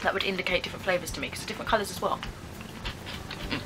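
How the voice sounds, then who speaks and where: A woman's voice: on the low side, very fast, very noisy. A British woman in her twenties giving casual, chatty taste-test commentary, thinking aloud with some hesitation. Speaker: vlogger reviewing snacks. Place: small bedroom, indoors.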